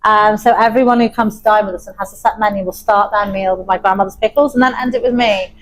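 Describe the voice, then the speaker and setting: A woman's voice: medium pitch, fairly even intonation, fast, low-quality recording. A young adult woman from Wales, a chef and pub owner, talking in an interview with enthusiasm and frequent laughter. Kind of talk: interview conversation.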